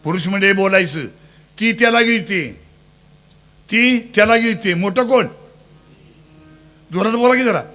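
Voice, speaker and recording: High-voiced man preaching a kirtan. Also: unhurried, pauses often, sharp tone. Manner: teasing, quizzes the crowd, breaks into sung verses. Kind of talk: Marathi devotional kirtan sermon.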